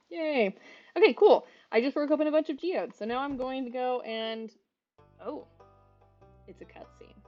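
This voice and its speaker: A woman's voice: medium pitch, a little mellow. A woman giving casual let's-play commentary, chatty and bubbly, rambling off on asides with frequent ums. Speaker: gaming video host. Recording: slightly muffled, faint game music behind.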